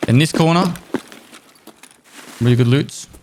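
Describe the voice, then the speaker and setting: A man's voice: mid-range voice, measured pace. Casual man giving game commentary. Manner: casual, explanatory, swears now and then. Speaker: gaming streamer. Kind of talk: gameplay commentary with tips. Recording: loud game noise under voice.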